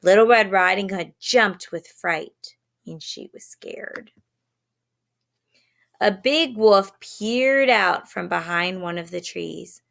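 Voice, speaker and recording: A woman reading a children's story aloud in a gentle way, pausing to explain words for young listeners. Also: medium pitch, gravelly.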